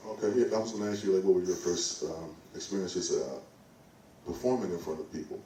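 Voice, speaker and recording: A man hosting an onstage interview, asking questions haltingly with many fillers. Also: sits low, warm tone, slight background noise. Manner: hesitant, filler-heavy questioning. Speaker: host and pianist. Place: recital hall. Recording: echoey hall, far from mic.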